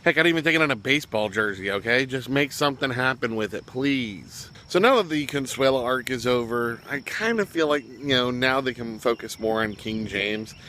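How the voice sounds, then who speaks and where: A man's voice: medium pitch, normal speed, few pauses, bright, forceful tone, a little hiss or hum. A man talking casually as he reviews a web series episode, rambling with fillers and throwing in jokey asides. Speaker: show reviewer.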